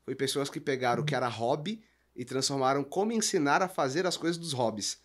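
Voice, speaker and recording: A man with a Brazilian accent speaks quickly in a medium pitch as a podcast guest, explaining business. He's emphatic and didactic, frequently asking rhetorical questions while walking through examples in a conversational way.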